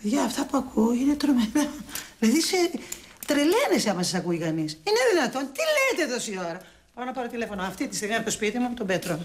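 A woman's voice: on the high side, very animated. A woman acting a bossy, meddling female friend in a sitcom, fussy and scolding. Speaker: sitcom character. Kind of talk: comedic TV acting.

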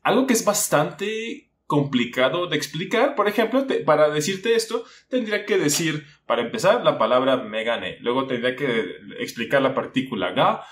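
A man's voice: on the high side, animated, moderate pace, few pauses, fairly bright tone. A young man giving a casual spoken lesson, talking to the viewer with lots of questions. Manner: conversational, asks the viewer questions, acts out a teacher. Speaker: language-learning YouTuber. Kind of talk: casual explanatory monologue.

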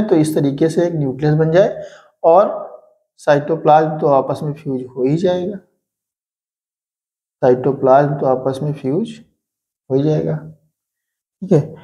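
Mellow-voiced man teaching with rhetorical questions. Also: fairly high pitch, normal speed, long pauses, highs cut off. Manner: repeats rhetorical questions and answers them himself. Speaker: exam prep teacher. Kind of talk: explaining a lesson.

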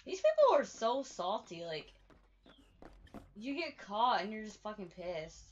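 A young woman streaming a game, jumpy and swearing, yelling at the screen as she plays. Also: mid-range voice, very animated, unhurried, highs cut off, slight background noise. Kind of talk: live gameplay commentary.

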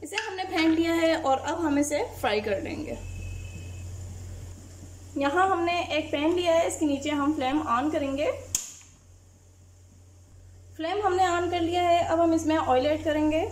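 A woman calmly explaining a recipe step by step as a cooking channel host. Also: extremely high pitch, unhurried, pauses often, a little hiss or hum. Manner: calm, plain, methodical. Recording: loud frying sizzle behind voice.

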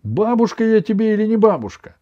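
A man voicing a fussy, bossy old grandmother who cries easily, speaking in a high, loud, indignant scolding tone. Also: big pitch swings, fairly quick, muffled recording.

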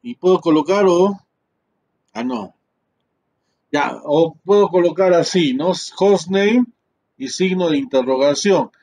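Man, teacher, higher voice, unhurried and chatty, full of fillers. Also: gravelly, a little mellow, highs cut off, a little hiss or hum. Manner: slow, chatty, tag questions, many fillers. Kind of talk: live screen-share tutorial.

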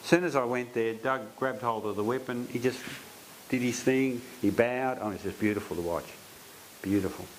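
A man, a painter, telling animated stories in an interview and acting out the voices he quotes. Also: medium pitch, moderate pace, slight background noise, poor audio. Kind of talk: storytelling interview.

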